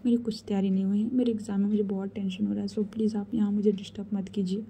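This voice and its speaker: Give me a woman voicing a shy, anxious student in whispered role-play, hesitant and pleading, low in brightness. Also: little pitch movement, fast, slight background noise, lightly acted.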